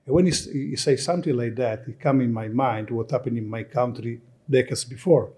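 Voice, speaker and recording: An Italian man, a native Italian speaker with a clear Italian accent, delivers a conference lecture in hesitant English, frequently restarting and repeating words. His voice sits at a medium pitch, warm with a breathy edge.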